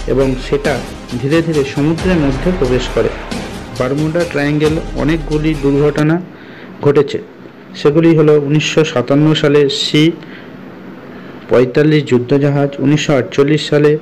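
A man hosting a video channel, narrating a scripted explainer in a steady, informative way. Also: a little high, poor audio. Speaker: channel host explaining a mystery.

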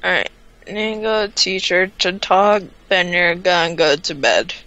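A woman chatting casually while playing a life-sim game, bossing her character around and thinking out loud. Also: lowish voice, measured pace, no room sound. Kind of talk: casual gameplay chat. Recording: slightly dull sound with faint music.

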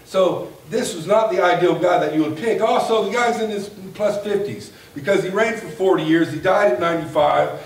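A man in his forties preaching a sermon from a pulpit in a folksy, animated way that builds to a shout. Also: high voice, moderate pace, hardly any pauses. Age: 40s. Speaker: pastor. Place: church sanctuary, at a pulpit. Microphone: far camera at the back of the room. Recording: echoey church from far off, faint hiss.

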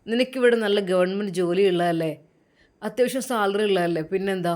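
A woman's voice: mid-range voice, brisk, a little mellow, natural voice. A woman voicing a young man's friend who asks puzzled, concerned questions.

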